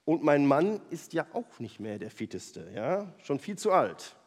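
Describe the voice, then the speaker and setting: A man's voice: a little high, sing-song, measured pace, voice pushed down. A man voicing wry old Sarah, echoing hall. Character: old woman, doubting and wry. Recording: long hall reverb.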